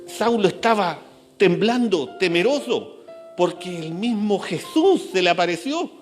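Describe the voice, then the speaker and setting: In a church, a pastor preaches with a fairly high, animated voice whose pitch swings up and down widely. For emphasis he repeats key phrases and slows down, dropping low, while faint instrumental music plays underneath.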